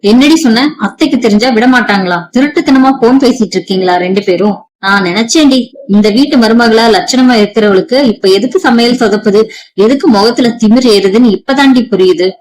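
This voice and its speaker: A woman voicing a harsh, scolding middle-aged mother-in-law who talks in a sharp, scornful way. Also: a little high, a little fast, lightly acted, rough recording. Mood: angry scolding.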